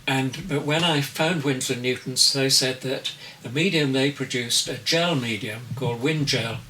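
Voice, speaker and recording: Elderly man speaking slowly from a distance. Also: mid-range voice, sharp tone. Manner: slow, deliberate, searching for words. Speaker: interviewed artist. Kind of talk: reflective interview answers. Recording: distant mic with faint noise.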